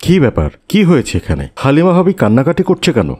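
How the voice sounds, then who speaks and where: A man's voice: mid-range voice, quick pace. A man voicing a caring, earnest father and neighbor in a cartoon. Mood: concerned. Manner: earnest, calming. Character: caring middle-aged father and neighbor, calm.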